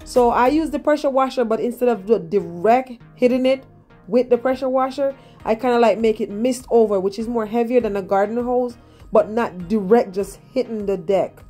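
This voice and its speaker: A woman's voice: fairly high pitch, moderate pace, mellow, soft background music. A middle-aged woman in a casual, rambling voice-over for her home DIY vlog, talking to viewers as guys.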